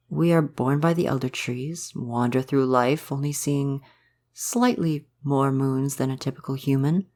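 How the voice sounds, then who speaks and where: In a soft romantic ASMR audio drama, a man with a higher-pitched voice plays a gentle male forest spirit who is curious about humans. He explains things thoughtfully, using formal, polite, old-fashioned phrasing like a courtly woodland being.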